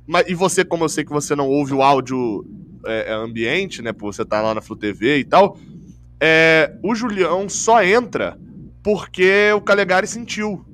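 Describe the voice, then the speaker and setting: A man's voice: on the high side, animated, normal speed, fairly bright tone, a little hiss or hum. A man hosting a casual football chat, talking at length and restarting his sentences often. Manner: talkative, explains at length with many restarts. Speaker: football podcast host.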